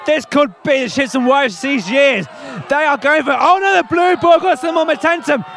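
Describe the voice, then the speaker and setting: A man giving excited, shouted play-by-play commentary on a tug of war at an outdoor village fair. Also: very high voice, a little fast, a faint crowd. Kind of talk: live sports-style commentary.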